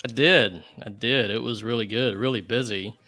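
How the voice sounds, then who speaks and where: Bright, eager podcast man. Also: medium pitch, normal speed. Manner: enthusiastic, eager. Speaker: podcast co-host. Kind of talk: casual chat. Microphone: podcast mic on boom arm with windscreen.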